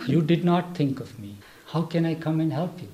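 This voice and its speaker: Male speaker, slightly high voice, acts out a parable in a sermon. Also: animated, normal speed, dark tone, dull audio. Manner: storytelling, acts out the characters. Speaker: spiritual speaker. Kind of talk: sermon with interpreter.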